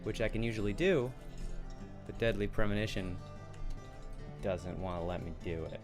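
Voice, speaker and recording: A man's voice: lowish voice, moderate pace. A man hosting a let's play with casual gameplay commentary and wry, joking asides. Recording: game music behind the voice. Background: game music.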